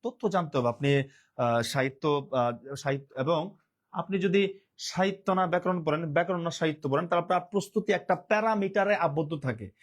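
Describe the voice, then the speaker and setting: Lively male teacher taking a live class. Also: fairly high pitch, moderate pace. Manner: repeats key words, reads viewer comments aloud; mixes English words into his speech. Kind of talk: live online exam-prep class.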